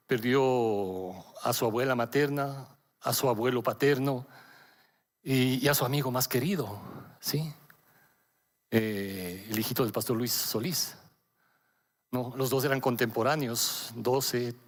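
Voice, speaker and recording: A middle-aged man preaching a sermon in church, earnest and personal, repeating his phrases and checking in with the congregation. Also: mid-range voice. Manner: earnest, repeats phrases with frequent tag questions. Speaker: pastor.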